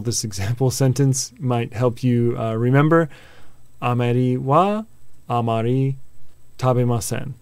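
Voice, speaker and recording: A male language teacher talks slowly in a smooth, resonant voice, patiently walking through examples and memory tricks. He often pauses on filler sounds as he explains, and the recording is dry and close. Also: medium pitch, darkish tone, no room sound. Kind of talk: explanatory video lesson.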